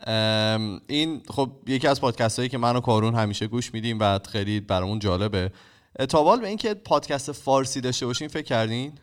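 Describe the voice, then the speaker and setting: A male interview co-host speaks conversationally. His voice is medium in pitch, very clear and smooth.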